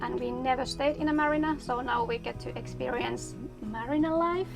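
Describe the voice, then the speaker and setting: A woman whose first language is Finnish chats casually as a guest. Her voice is high with plenty of vocal fry. Music is clearly audible behind her. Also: brisk. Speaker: interview guest. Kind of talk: casual conversation. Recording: music in background.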